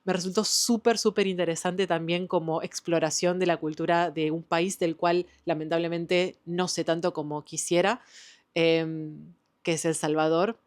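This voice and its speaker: A book vlogger with an Argentine Spanish accent chats enthusiastically in a casual wrap-up of the books she's been reading, often using "eh" and "em." Her lowish voice has a steady tone and an unhurried pace.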